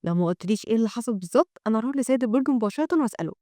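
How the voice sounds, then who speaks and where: A woman with an Egyptian Arabic accent voicing a gentle young half-dragon girl in a manhwa recap, reading her lines softly and politely. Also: on the high side, animated, very fast, no room sound, studio quality, natural voice.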